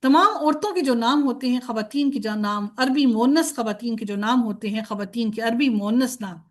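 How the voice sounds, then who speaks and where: A woman teaching Arabic grammar in a recorded lecture, patiently chanting word forms in drills and posing questions she answers herself, with English words mixed in. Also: on the high side.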